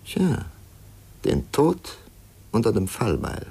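Deep husky stern interrogator in an old radio drama, pressing and measured. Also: male voice, huge pitch swings, mellow, heavily acted. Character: stern, persistent male interrogator. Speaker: investigator questioning a witness. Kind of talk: 1950s radio drama acting.

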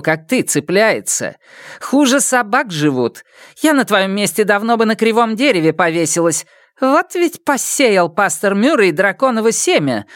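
A reader voicing a sharp-tongued, spiteful woman boss who heaps abuse on her relatives, in an audiobook. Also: medium pitch, no room sound, clean studio sound, voice pushed up, natural voice. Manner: scornful, abusive tirades. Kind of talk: audiobook character voice.

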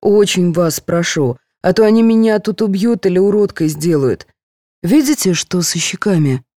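A woman's voice: on the low side, lively intonation, moderate pace, dark tone, no echo, studio quality, natural voice. A woman doing a whiny young patient. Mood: pleading. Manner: whining, pleading.

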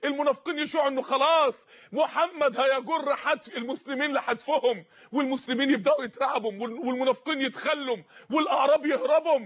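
Fiery high-voiced Egyptian preacher. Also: male voice, fairly even intonation, fast talker, few pauses, muffled recording. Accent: Egyptian Arabic. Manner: fiery, pleading, often shouting, repeats phrases for emphasis. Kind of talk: impassioned Egyptian sermon.

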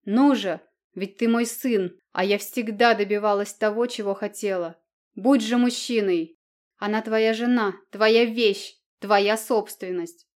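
A woman voicing a domineering, cruel middle-aged queen mother who shouts harsh commands. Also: high-pitched, slow pace, pitched above the performer's own voice. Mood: commanding.

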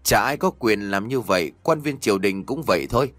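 A man voicing a calm, firm young nobleman in a spoken story. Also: on the low side, no echo. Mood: stern. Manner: measured, firm.

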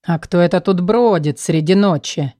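Lady doing a smug sneery young noble guy, drawls, lowish voice, dry. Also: normal speed, mellow, dry recording, lightly acted. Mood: leering. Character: insolent, leering young male nobleman.

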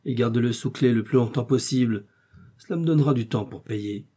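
A man voicing a bold young swordsman who gives orders in a raised, forceful voice. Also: mid-range voice, brisk, slightly rough, close to an everyday voice. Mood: commanding.

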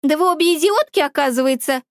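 A woman reading a sarcastic teenage schoolgirl in an audiobook, high-pitched and biting, quick to mock and quick to flare up. The sound is close and dry, with no room around it. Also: expressive, no echo. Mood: furious. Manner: mocking, then shouting.

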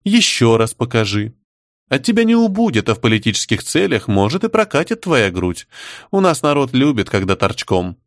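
A man voicing a bossy, scheming clan matriarch who speaks slowly and firmly, in an audiobook reading. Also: medium pitch, sing-song, no room sound, studio quality. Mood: commanding. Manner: commanding, slow and deliberate.

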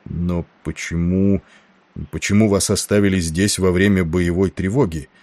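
Male reader as ailing older captain: low, dark, gruff, commanding and weary. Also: steady tone, normal speed, no echo, natural voice. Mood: stern.

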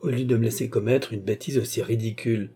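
A man reading aloud, voicing an earnest, sulky young gentleman in a dark, husky voice. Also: medium pitch, animated, normal speed. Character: young gloomy, impulsive gentleman in love.

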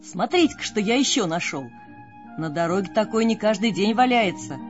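A woman playing a loud, gleeful young simpleton. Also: sits high, very animated, unhurried. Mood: gleeful, boastful. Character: cheerful boastful young male simpleton. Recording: dull lo-fi with faint music.

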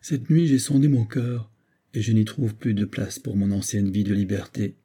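A man's voice: fairly low pitch, steady tone, normal speed, warm tone, breathy edge. A man voicing a proud young Romani horse thief who speaks in a solemn, declaiming way in a spoken audiobook.

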